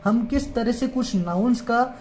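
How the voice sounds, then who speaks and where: Woman, grammar tutor, calm and repetitive, mellow voice. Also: fairly high pitch, slight background noise. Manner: patient, repeats "ठीक है" and "है ना" often; reads English lines slowly, word by word. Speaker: grammar teacher. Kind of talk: explaining an English grammar lesson in Hindi.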